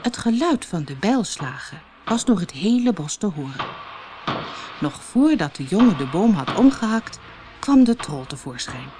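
A woman narrating a fairy tale for an audiobook in a slow, expressive reading style. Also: lowish voice, background noise. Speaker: storyteller.

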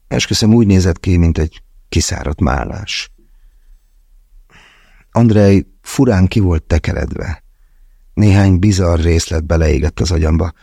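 A man narrating a first-person thriller audiobook in a measured, tense way with slow, deliberate pauses. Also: sits low, creaky, dark tone, breathy edge, no room sound, studio quality.

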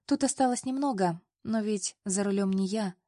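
A woman's voice: mid-range voice, no room sound, clean studio sound, lightly acted. A woman doing a flustered clumsy young woman. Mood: protesting. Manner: excitable, embarrassed, quick to protest.

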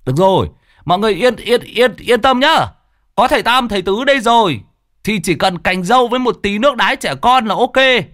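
A man's voice: high-pitched, lively intonation, fairly bright tone, voice pushed up. A man voicing a lame, boastful blabbermouth who talks over everyone. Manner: rapid boastful blather.

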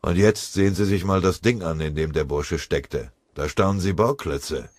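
Man shouting as a bold wartime corporal. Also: sits low, moderate pace, dry recording, studio quality. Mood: sly, pleased. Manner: barking orders, shouting. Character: tough German WWII corporal, bold, commanding.

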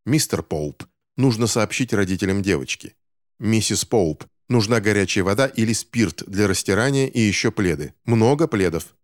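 A man's voice: fairly low pitch, animated, normal speed, no room sound, studio quality, natural voice. A man reading an audiobook voices a blunt young constable who barks orders. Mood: angry. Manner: barking, gruff orders.

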